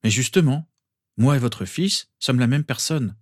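A man's voice: medium pitch, expressive, measured pace, darkish tone, dry recording, clean studio sound, voice pushed up. Guy doing a guilty angry teen boy, tense, bitter.

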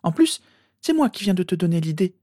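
A man voicing a skeptical, teasing teenage girl with sharp retorts. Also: high voice, very animated, brisk, no room sound, studio quality, pitched above the performer's own voice. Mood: mocking. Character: mocking skeptical teenage girl, Harry's sister.

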